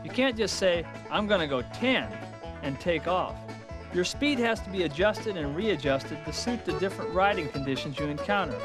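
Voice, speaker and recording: An instructional narrator with a fairly high-pitched male voice reads a scripted safety lesson from a worn VHS tape copy. He gives firm warnings and clear dos and don'ts. Country guitar music is clearly heard under his voice. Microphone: voice-over.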